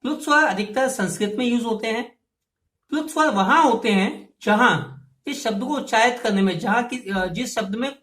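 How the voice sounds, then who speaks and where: A woman's voice: fairly high pitch, fairly bright tone, echoey room. A woman teaching a grammar lesson. She explains patiently and step by step, repeats key terms and asks listeners to say the sounds aloud themselves. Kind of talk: classroom lesson.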